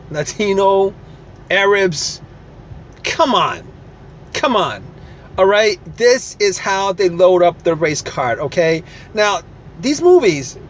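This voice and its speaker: A man with a high voice delivers a rambling, emphatic vlog rant straight to his viewers. He circles back over the same phrases again and again and punctuates nearly every point with a quick "all right?". A faint hum of passing vehicles sits underneath. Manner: repetitive, emphatic, keeps asking "all right?" and "okay?". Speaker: vlogger. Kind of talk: casual opinion rant to camera.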